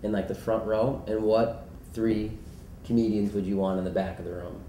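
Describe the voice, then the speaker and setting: A man's voice: fairly low pitch, fairly even intonation, moderate pace, mellow, slight background noise. A man hosting an interview, upbeat and playful, who closes by plugging the show in an announcer-like tone. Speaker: interviewer host. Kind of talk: casual interview chat. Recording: echoey room.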